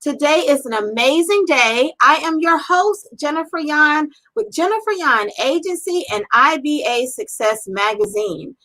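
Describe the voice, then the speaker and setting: A woman's voice: sits high, expressive, a little slow, few pauses, bright, forceful tone, poor audio. A woman hosting a live-streamed interview, talking in an effusive, upbeat and encouraging way. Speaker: interview host.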